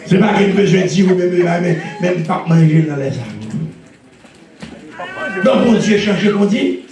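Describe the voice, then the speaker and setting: A male pastor with a Haitian accent preaching a sermon with call-and-response and frequent shouts. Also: high voice, expressive, unhurried, a crowd in the background. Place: church sanctuary. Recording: echoey church recorded from a distance.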